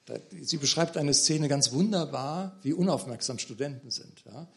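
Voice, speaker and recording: At a book talk in a lecture hall, a middle-aged author discusses his book in a thoughtful academic manner. His voice is fairly high and his pace moderate, and he sounds hesitant, with many fillers and restarts.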